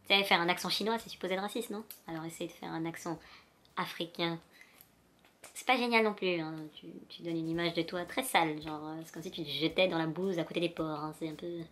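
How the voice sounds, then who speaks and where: A young woman vlogging straight to the viewer in a sassy, animated rant, with faint music behind her. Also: deep voice. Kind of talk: casual direct-to-camera rant.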